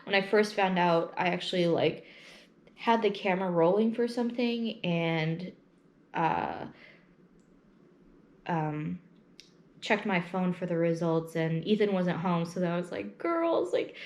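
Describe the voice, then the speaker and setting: A young woman with a slightly low voice talks casually as a vlogger to her audience. She is reflective and halting, often breaking off a thought and picking it up again from another side. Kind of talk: casual personal chat to camera.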